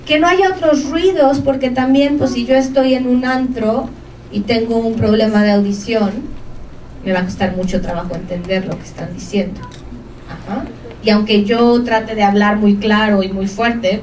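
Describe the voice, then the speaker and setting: A woman's voice: on the high side, darkish tone, a little hiss or hum. A woman gives an informative talk to a live audience and keeps checking in with short questions. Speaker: presenter of an information session. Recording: echoey room from a distance, faint ambience.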